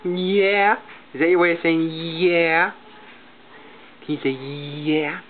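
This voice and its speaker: On a home video filmed by the mother on her phone, a father coaxes his infant with gasping, sing-song baby talk. His voice is fairly high and he speaks slowly. The audio is tinny and phone-like, with loud noise.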